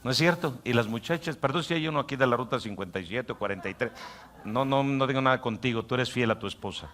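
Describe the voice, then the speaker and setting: A male pastor delivers a sermon in a church. He rises to loud, emphatic lines, then drops to soft, muttered asides. In those asides he puts on the mocking voice of a tempting inner voice. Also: mid-range voice, quick pace. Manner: acts out the inner voice in quiet mocking tones.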